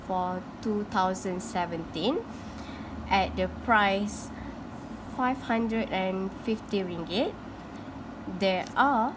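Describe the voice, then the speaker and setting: A young woman, a university student, giving a class presentation on a graph, halting and restarting as she explains. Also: mid-range voice. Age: young adult. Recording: noisy phone recording with hum.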